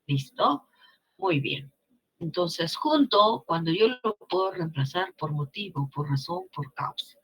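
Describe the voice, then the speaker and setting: A woman's voice: on the low side, very animated, slow, slightly rough. A woman teacher with a Peruvian Spanish accent giving a grammar lesson, coaxing students along with frequent check-in questions.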